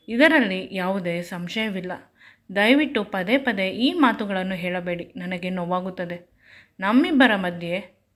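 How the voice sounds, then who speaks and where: A woman's voice: medium pitch, natural voice. A woman reading a shy, pleading young bride-to-be.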